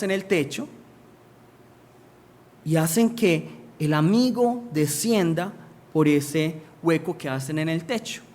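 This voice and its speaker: Guy preaching, fairly high voice, keeps asking the crowd questions then answering. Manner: asks the congregation questions and answers them himself. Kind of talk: sermon.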